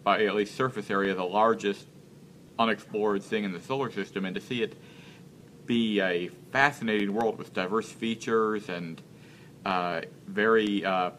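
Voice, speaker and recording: A man in his thirties, an interview guest speaking in a casual live-stream chat, earnest and halting as he searches for words. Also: lowish voice, steady tone, fairly bright tone, a little hiss or hum. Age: 30s.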